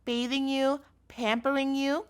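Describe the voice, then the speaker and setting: This woman's high voice has a flat delivery at a measured pace. Playing a doting, obsessive captor girlfriend in scripted audio roleplay, she speaks directly to the listener with a cutesy, menacing tone, insistent and doting.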